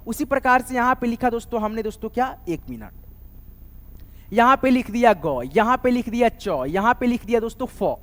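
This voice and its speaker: Man, online reading teacher, high-pitched, reverberant room, syllable-by-syllable drilling. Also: fairly bright tone. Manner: repeats "dostom" often, slow sounding-out of syllables. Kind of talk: online lesson, explaining letters and vowel signs.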